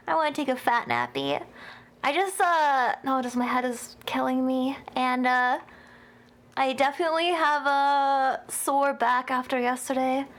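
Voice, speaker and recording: High-voiced chatty woman streamer. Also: a bit bright. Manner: chatty, reads and answers chat, giggly. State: headache, tired. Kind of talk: casual live-stream chat.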